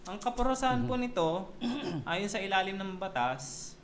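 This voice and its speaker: A man appearing as a police officer guest on a radio show, formally explaining laws and their penalties and reading legal terms in a measured way. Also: sits high, animated, a loud crowd. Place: radio studio.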